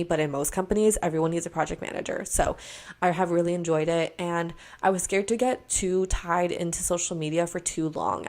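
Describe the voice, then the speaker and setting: A woman in her twenties talking casually and earnestly in a sit-down podcast-style vlog, filling her sentences with "like" and "you know.". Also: on the low side. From Hawaii. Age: 20s. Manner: chatty, filler-heavy, earnest. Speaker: vlogger. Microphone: camera mic, sit-down framing.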